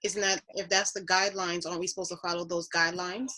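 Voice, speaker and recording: A woman's voice: fairly low pitch, level tone, fast, pushed and bright, rough recording. A woman, a nursing student, talking through her reasoning on a video call with clarifying questions. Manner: thoughtful, asks clarifying questions. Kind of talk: class discussion.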